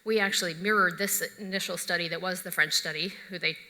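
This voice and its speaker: A woman's voice: on the low side, fairly even intonation, fast, pushed and bright. A middle-aged woman physician giving a conference lecture, conversational and opinionated, with joking asides. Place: large conference hall. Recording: echoey lecture hall.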